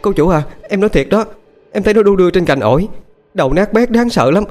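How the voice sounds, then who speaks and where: A man's voice: high voice, animated, fast, darkish tone, voice pushed up. A man voicing a frightened young servant girl in a ghost story reading. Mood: terrified. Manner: panicked, pleading.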